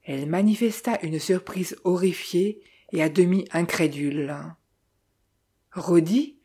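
Husky-voiced woman reading a novel. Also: fairly low pitch, normal speed, mellow. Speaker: audiobook reader. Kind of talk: audiobook narration.

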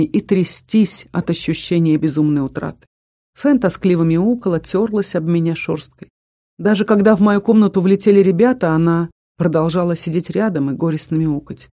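A woman reading a first-person fantasy audiobook. Her voice is warm and mellow. Her storytelling is even and heartfelt. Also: on the low side, dry recording, clean studio sound. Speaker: audiobook narrator.

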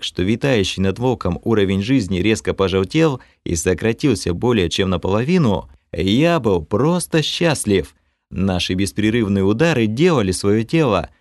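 A man reading a fantasy audiobook in the first person, animated and expressive. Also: fairly low pitch, normal speed, dry recording, clean studio sound. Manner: animated reading with lively shifts of tone. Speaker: audiobook narrator.

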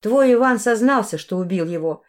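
A woman voicing a tired, bitter young woman who speaks quietly and coldly. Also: mid-range voice, expressive, moderate pace, close to an everyday voice. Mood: weary.

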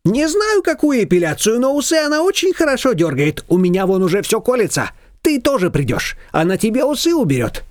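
A man's voice: high voice, huge pitch swings, dry recording, clean studio sound, voice pushed up. A man reading an audiobook voicing a bossy, meddling middle-aged female neighbor who scolds and gives orders. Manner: pushy, scolding, rapid-fire demands.

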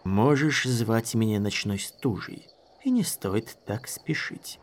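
A man doing a calm enigmatic sorceress. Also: on the low side. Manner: calm, unhurried. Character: cool, enigmatic female sorceress.

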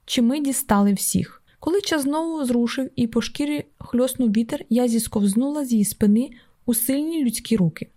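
A woman narrating a novel as an audiobook in the first person, reading in a steady, even way. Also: on the high side, normal speed.

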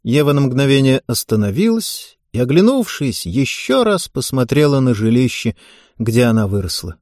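Brief: man reading an audiobook, animated intonation, mid pitch. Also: moderate pace, no echo, clean studio sound. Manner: expressive storytelling. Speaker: narrator. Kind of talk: audiobook narration.

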